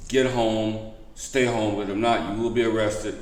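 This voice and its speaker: A man presents a casual update as a vlog host. His voice is on the low side and he stresses his points by repeating them. The sound has a clear room echo. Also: flat delivery, a little slow. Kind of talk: casual news update to camera. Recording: echoey room.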